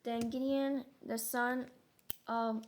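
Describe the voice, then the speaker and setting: A woman reading the Bible aloud verse by verse, halting and repeating names after a pronunciation guide. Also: fairly high pitch, level tone, slight background noise. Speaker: Bible reader. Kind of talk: slow verse-by-verse Scripture reading.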